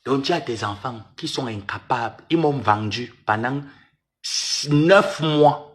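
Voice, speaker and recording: A man's voice: mid-range voice, moderate pace. A man hosting a livestream, taunting and arguing in a mocking, repetitive way. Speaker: live-stream host. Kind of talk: livestream rant and chat.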